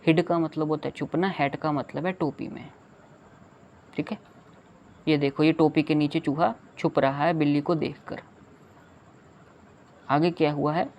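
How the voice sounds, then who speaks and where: A teacher giving a children's lesson, reading each English line of a poem slowly and explaining it in Hindi, checking in often with "okay". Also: medium pitch, fairly even intonation, a little mellow, dull audio, a little hiss or hum.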